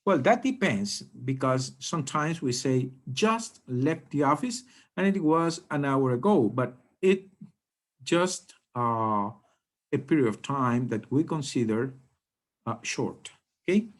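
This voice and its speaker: Slow, lively-pitched male English teacher. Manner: slow and deliberate, often checks in with "okay?". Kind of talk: grammar lesson explanation.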